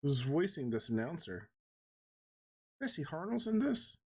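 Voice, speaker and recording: A man's voice: a little high, very animated, normal speed, darkish tone, husky. A male game streamer giving casual commentary, muttering asides and reading on-screen text aloud.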